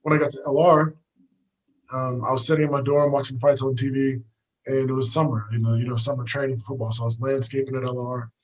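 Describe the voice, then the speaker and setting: Young US man, quick relaxed storyteller on a walk, slightly muffled recording. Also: medium pitch. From United States. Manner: easygoing, rambling with many fillers. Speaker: guest, fighter. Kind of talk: casual storytelling interview. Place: walking outdoors.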